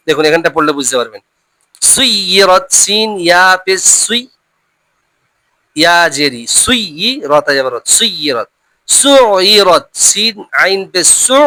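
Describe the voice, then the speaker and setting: High bright-voiced male Quran teacher. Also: dry recording. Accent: Bengali. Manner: slow, drawn-out syllable drills. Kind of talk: spelling-out recitation lesson.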